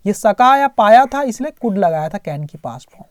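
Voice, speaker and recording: A man's voice: sits high, big pitch swings, brisk, no room sound, clean studio sound. A man teaching English, explaining a story phrase by phrase, repeating himself and often checking in with the listener. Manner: repetitive, keeps checking in with "है ना?"; translates phrase by phrase, spells words out.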